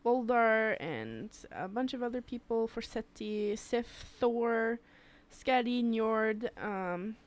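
A woman with a slightly high voice chats on a casual podcast. She talks loosely, with plenty of fillers, and laughs easily while working through a list of names. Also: expressive, slow, few pauses.

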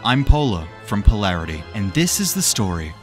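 A man's voice: fairly low pitch, big pitch swings, brisk, over music. A young man narrating a comedy gaming story in a dry, sarcastic tone, as the host of his own video. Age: young adult.

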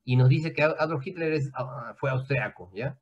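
A man's voice: medium pitch, moderate pace, slightly rough, muffled recording. A man teaching an online class, explaining at length in a conversational way and often checking in with his students.

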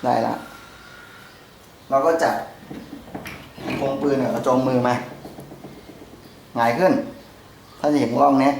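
A man in the middle of his pitch range talks through a hands-on repair demo, relaxed and unhurried, with fillers and pauses while he works. His voice sounds roomy and echoey, with a faint hum of background noise behind it. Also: vocal fry. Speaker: gun channel host. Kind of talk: hands-on gun maintenance demo.

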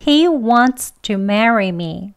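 A woman with a Korean accent teaching English pronunciation in a scripted lesson. She explains each step and then repeats the example phrases slowly. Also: a little high, lively intonation, clear, resonant tone.

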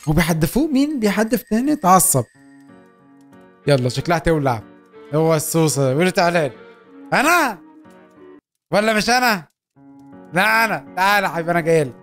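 Excitable young Egyptian gamer. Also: male voice, high-pitched, fairly quick, pauses often, faint music behind. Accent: Egyptian Arabic. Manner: excitable, joking, urging his character on. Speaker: gaming YouTuber. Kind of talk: Let's Play commentary.

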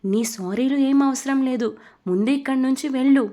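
In a slightly high voice, a woman reads as a flustered young woman who keeps snapping and scolding. She sounds exasperated and quick to lose patience, like a romance heroine in an audio storybook. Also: dark tone, close to an everyday voice. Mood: annoyed.

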